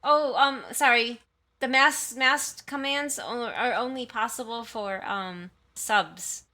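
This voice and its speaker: Speaking slowly with fairly even intonation, this woman has a fairly high, pushed, bright voice. She's a livestreamer rambling casually to her viewers and apologizing a lot, recorded at home on a highly sensitive desktop condenser mic.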